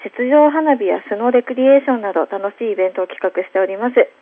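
A woman's voice: a little high, lively intonation, fast talker, no echo. Polite woman calling in by phone. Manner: polite, formal, courteous. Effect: phone line into a radio show. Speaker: phone-in reporter for a radio show. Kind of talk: caller reporting on a radio show. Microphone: telephone. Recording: tinny phone line.

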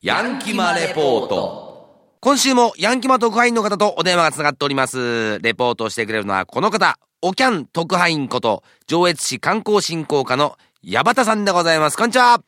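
Animated male radio host, dry studio sound. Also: fairly high pitch, fairly quick, no echo. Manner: chatty, jokey. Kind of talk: casual radio presenting with food and local reports.

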